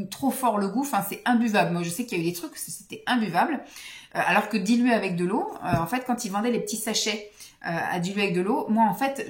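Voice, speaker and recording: A woman's voice: medium pitch, reverberant. A woman in her forties chatting casually to camera as a vlogger, rambling with many hesitations. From France. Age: 40s.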